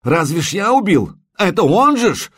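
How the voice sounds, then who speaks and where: A man's voice: mid-range voice, big pitch swings, unhurried, slightly rough, no room sound, clean studio sound. A man voicing a guilty warrior squad leader who mumbles, whines and pleads. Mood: pleading. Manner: mumbling and whiny.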